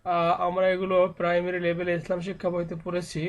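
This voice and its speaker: Patient male teacher, Bangladeshi accent, monotone letter drills. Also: sits high, quick pace. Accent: Bangladeshi Bengali. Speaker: Quran reading teacher. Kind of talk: slow spoken lesson.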